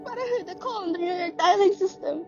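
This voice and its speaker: Radio drama: woman as anxious, demanding invalid wife, shrill-high register, agitated, indignant. Muffled recording, music underneath. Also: fast talker, creaky. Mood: frightened. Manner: agitated, indignant, insistent, fretful. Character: anxious, demanding, imperious bedridden married woman. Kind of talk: radio play acting.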